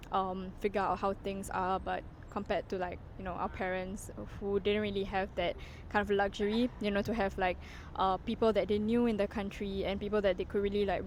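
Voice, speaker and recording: A young woman chats casually to her camera, leaning on "like" and "you know" as she thinks aloud. Her voice sits at a mid pitch, and she walks around as she talks. Faint traffic noise hums behind her. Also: darkish tone, poor audio. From Singapore. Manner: chatty, heavy use of "like" and "you know" fillers; walking around while talking. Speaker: vlogger. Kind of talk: casual reflective vlog talk.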